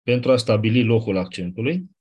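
This is a classroom lecture on Ancient Greek accents, led by a man with a mid-range, darkish voice carrying a breathy edge. He explains the grammar patiently and keeps coming back to the main points.

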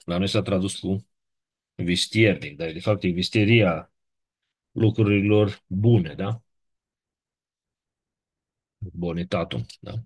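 A man with a Romanian accent teaching a Latin class, explaining in a measured way and often checking in with the students. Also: deep voice, husky. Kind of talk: classroom lecture.

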